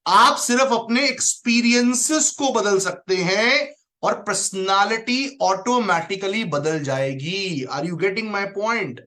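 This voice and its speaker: A man with a very high voice gives a motivational training talk, his tone bright and forceful. He stresses each point by repeating it. He also calls out listeners by name as he goes.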